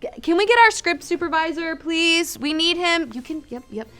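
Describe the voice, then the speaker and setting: A no-nonsense director figure in a comedy skit, played by a woman. Her voice sits high, and she speaks briskly and firmly. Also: lively intonation, pushed and bright, soft background music, exaggerated voice. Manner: brisk, firm, correcting. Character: exasperated female show director.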